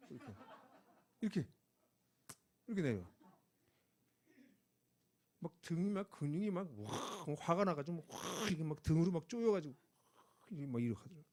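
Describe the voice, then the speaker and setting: A middle-aged man preaching a sermon as pastor, telling stories with lively energy and building to emphatic exhortation. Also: on the high side, slightly rough. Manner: animated storytelling, rising to emphatic exhortation. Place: church sanctuary.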